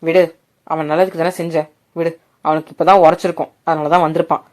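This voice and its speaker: A woman voicing a stern middle-aged father who gives gruff commands to his son and soft, low reassurance to his wife. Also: little pitch movement, fast talker, lightly acted. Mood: reassuring.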